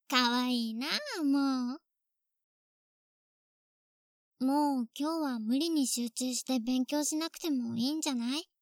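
A woman's voice: high voice, moderate pace, darkish tone, no echo, studio quality, lightly acted. A woman voicing a clingy, possessive younger sister on a phone call, sweet at first and coldly jealous underneath. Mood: sweet doting. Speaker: voice actress in phone-call role-play. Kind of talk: phone-call role-play drama.

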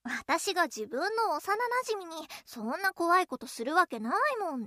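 A woman voicing a clingy, possessive young childhood-friend girl in an audio role-play, speaking to the listener in a coy, playful, teasing way with a soft menace. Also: very high-pitched, expressive, moderate pace, dry recording, studio quality, heavily acted.

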